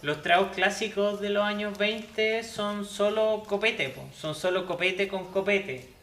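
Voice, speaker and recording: A man's voice: sits high, measured pace, fairly bright tone. A young man with a Chilean accent hosting a casual cocktail show, explaining the recipe with crude jokes. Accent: Chilean Spanish. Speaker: host mixing cocktails.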